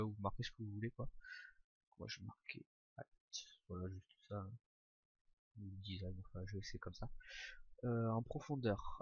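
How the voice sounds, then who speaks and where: A young man talking through a casual screen-recorded software tutorial, informal and hesitant, with frequent fillers as he clicks along. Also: mid-range voice, slightly rough, no room sound, highs cut off. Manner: hesitant, many "euh" fillers, relaxed and informal. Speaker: tutorial maker.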